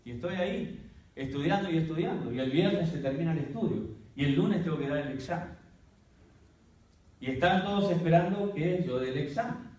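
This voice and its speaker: A male pastor teaching a church workshop in a preaching manner, with a fairly high voice. He tells his story dramatically and breaks into loud, high bursts. The sound comes from far off the mic in a very echoey hall. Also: lively intonation, normal speed.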